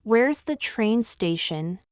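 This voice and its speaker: A woman reads practice phrases for learners, one at a time. She speaks very slowly and deliberately in a smooth, clear voice at a middle pitch. The sound is dry and close. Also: animated, a little mellow, no room sound. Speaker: language teacher. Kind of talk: reading example phrases for learners.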